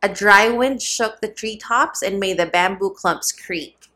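Woman narrator for a classic novel; steady, measured, mid-range voice. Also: medium pitch. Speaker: audiobook narrator. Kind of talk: scripted narration.

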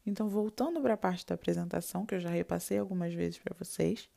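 Brazilian woman teaching French, gravelly. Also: lowish voice, fairly even intonation, fast talker, dark tone. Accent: Brazilian Portuguese. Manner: explains patiently, repeats and recaps, models dialogue lines. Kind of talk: online language lesson.

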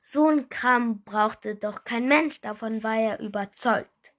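A woman's voice: fairly high pitch, slow pace, a bit bright. A woman reading a children's book aloud, unpolished and stumbling over words now and then. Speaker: reader.

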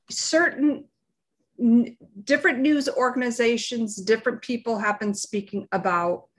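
A woman co-hosting a live podcast, giving unscripted opinions in a halting, deliberate way as she searches for words. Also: mid-range voice. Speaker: live show and podcast co-host.

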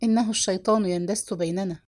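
A woman's voice: medium pitch, fairly even intonation, fast, a little mellow, close to an everyday voice. A woman reading the lines of a distraught young wife who pleads through sobs and wails. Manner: sobbing, wailing pleas.

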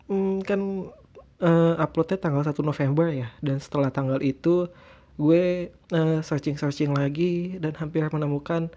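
A man's voice: on the high side, warm tone. A man with a speech impediment on his r's chats casually as a solo podcast host, hesitant and rambling. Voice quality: speech impediment, cannot pronounce r cleanly (cadel). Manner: hesitant, rambling, self-deprecating.

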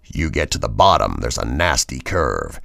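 Guy putting on a creepy trucker on the cb, real low and slow, dry close sound. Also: sing-song, gravelly, fairly bright tone, no room sound, heavily acted. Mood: menacing. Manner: slow, low, ominous drawl. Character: menacing male trucker on the CB, slow and cold.

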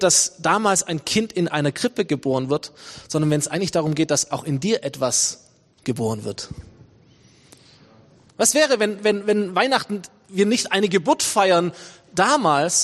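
A man preaching a sermon in a church, conversational and full of rhetorical questions and emphatic repetition. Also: high-pitched. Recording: long church reverb.

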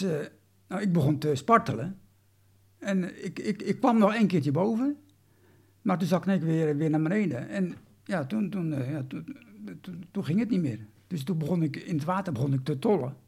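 A man's voice: a little high, gravelly, warm tone, slightly rough. A man, recounting a personal story in an interview, hesitant with many restarts.

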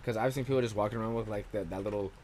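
A man's voice: lowish voice, steady tone, racing, a little mellow, slight background noise. A young American man in casual podcast chat, rambling in slang with a lot of swearing. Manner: slangy, rambling, heavy profanity.

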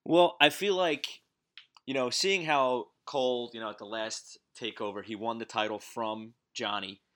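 A man's voice: mid-range voice, steady tone, a little slow, pushed and bright. A man chatting casually as a guest on a sports podcast, recorded in a home basement. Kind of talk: casual sports podcast chat about wrestling.

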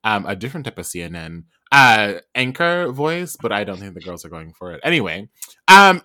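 Male co-host, bright voice, animated casual chat. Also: mid-range voice. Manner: animated, trails off with many ums. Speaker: podcast co-host. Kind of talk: casual podcast chat and reading aloud.

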